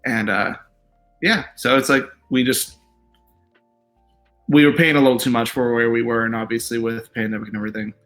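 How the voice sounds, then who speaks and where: A man's voice: mid-range voice, a little fast, pauses often, faint music behind. A man, a TV writer, talking casually in an interview, rambling with lots of fillers. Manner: relaxed, rambling, many fillers and "like"s. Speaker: TV writer guest.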